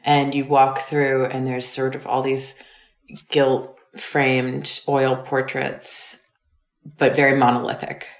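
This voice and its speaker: A woman speaks casually, chatting and stringing thoughts together with plenty of fillers. Her voice has a gravelly edge, and the recording sounds roomy. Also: very deep voice, little pitch movement, takes it slowly. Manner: chatty, uses many fillers. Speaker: interviewee, former medical student. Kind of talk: casual interview.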